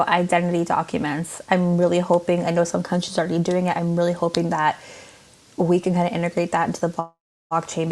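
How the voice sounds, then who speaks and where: Low, gravelly-voiced woman artist. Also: a little mellow. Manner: rambling, many fillers, laughs and yawns. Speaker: artist guest. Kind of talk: casual interview chat.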